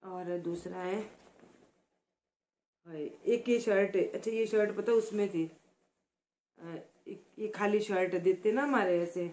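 A woman from Himachal Pradesh talking softly and chattily in a casual vlog, showing gifts and praising them again and again. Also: mid-range voice, slow, pauses often. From Himachal Pradesh, India. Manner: chatty and affectionate, repeats words of praise; speaks softly, close to the mic. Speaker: vlogger.

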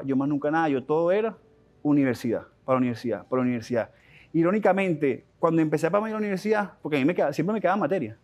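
A Venezuelan man in his young adult years tells his story at a rapid clip, his voice sitting fairly high. He restarts sentences, drops slang and talks with animated feeling as an interview guest. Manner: animated, fast-talking, with frequent restarts and slang.

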